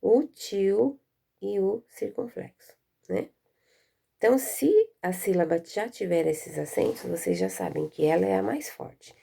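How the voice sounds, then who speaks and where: A woman teacher with a Brazilian Portuguese accent gives a patient remote lesson to young pupils, checking often that they follow and calling out sample words loudly. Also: mid-range voice, vocal fry, husky. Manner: calls out sample words loudly and slowly to show stress. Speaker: primary school teacher.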